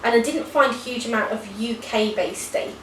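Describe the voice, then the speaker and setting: A woman's voice: on the high side, moderate pace. Uk nurse in her thirties chatting, friendly and detailed, a bit far from the mic, echoey. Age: 30s. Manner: friendly, backchannels often, explains with detail. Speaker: co-host, nurse. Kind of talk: casual chat. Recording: roomy, distant camera with faint hiss.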